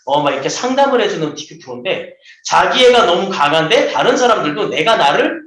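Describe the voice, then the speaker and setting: Guy preaching to kids, high swingy voice, keeps acting out little voices, echoey room. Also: a little fast. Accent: Seoul Korean. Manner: lively, acts out quoted voices. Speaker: children's pastor. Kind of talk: sermon to children. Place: church hall.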